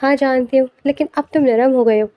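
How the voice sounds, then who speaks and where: A woman's voice: high-pitched, fairly even intonation, dry recording, dull audio, lightly acted. A woman voicing a teasing, affectionate young wife in an audiobook novel. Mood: playful.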